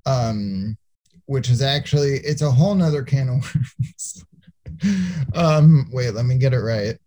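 A man's voice: mid-range voice, unhurried, dark tone. A man co-hosting a podcast in casual chat, chatty and laughing often as he retells stories.

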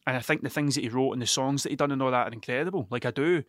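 A man's voice: medium pitch, racing, no echo, clean studio sound. A man with a broad Ayrshire Scottish accent, rambling casually and bluntly, swearing freely and questioning himself as he goes. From Scotland, Ayrshire.

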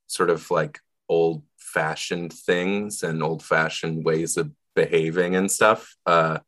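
A man's voice: deep voice, steady tone, slow pace, a bit bright. A man in his mid-thirties co-hosting a podcast, telling stories in a wordy, hesitant way full of ums. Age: 30s. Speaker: podcast co-host. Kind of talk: casual chat.

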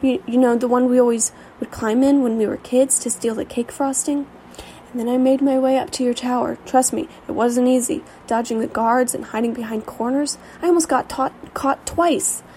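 A woman's voice: on the high side, steady tone, moderate pace, dark tone, a little hiss or hum, natural voice, poor audio. A woman voicing a meek but caring young man, the princess's best friend. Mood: eager.

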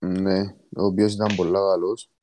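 A man's voice: deep voice, little pitch movement, dark tone. A man with a Cypriot Greek accent, giving his opinions as a panellist in a casual football discussion.

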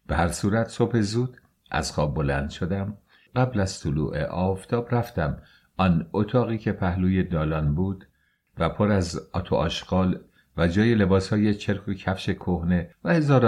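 A man narrating an audiobook novel in a measured, unhurried storytelling manner. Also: sits low, darkish tone, breathy edge. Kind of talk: scripted narration.

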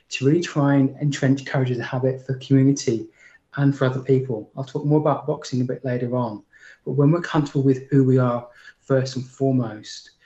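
Earnest man in his forties, flat delivery. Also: medium pitch, roomy sound, muffled recording. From United Kingdom. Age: 40s. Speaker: guest speaker. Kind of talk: formal panel talk.

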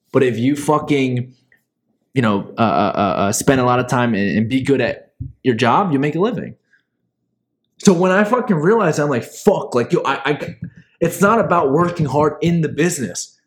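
A young male business owner with a mid-range voice hosts a podcast, chatting casually and earnestly. He swears frequently and gives motivational advice.

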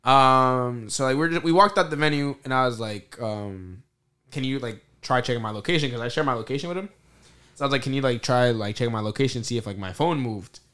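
A man in his twenties chatting casually like a frat bro, telling animated stories full of slang and swearing. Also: medium pitch, a little fast. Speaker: podcast host. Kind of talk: casual chat, animated anecdote.

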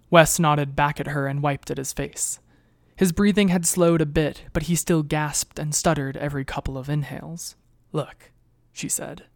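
A narrator reading a webnovel as an audiobook in a steady, even storytelling manner on a close mic. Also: mid-range voice, no room sound.

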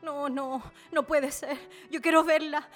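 A woman's voice: high voice, level tone, unhurried. An actress playing a frantic daughter pleading over her dying mother, in a radio drama. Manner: pleading, tearful, desperate.

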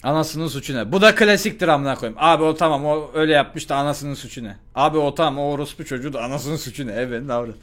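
A young man streams to his chat and spins a school story in a loose, swearing, lively way. His voice sits a little high, and he slips into the voices of the people he quotes. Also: fast talker, hardly any pauses. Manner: animated and profane, acts out the other people in his story. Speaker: live streamer. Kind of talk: casual storytelling to a live chat.

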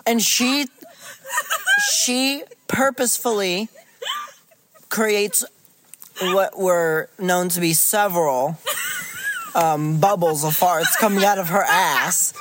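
A woman's voice: on the low side, slow pace, long pauses, background noise. A young woman co-hosting a casual podcast, telling a story to the listener with lots of laughter. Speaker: podcast co-host. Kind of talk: casual chat. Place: inside a car.

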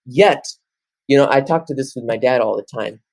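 A man in his late teens co-hosting a podcast, rambling through animated casual chat. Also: medium pitch, a little fast, no echo. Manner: rambling, animated, jumps into loud off-key singing. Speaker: podcast co-host.

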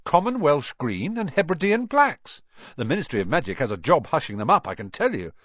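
A man's voice: a little high, big pitch swings, fairly quick, fairly bright tone, no echo, voice pushed up. A man voicing a lazy, blunt schoolboy who blurts things out, in a dull, dry recording. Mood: eager. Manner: blurting, exclamatory.

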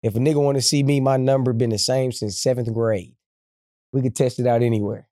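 A man's voice: mid-range voice, fairly even intonation, a little fast, mellow, dry recording, clean studio sound. A man in casual sports banter, talking in a brash, boastful, slangy way.

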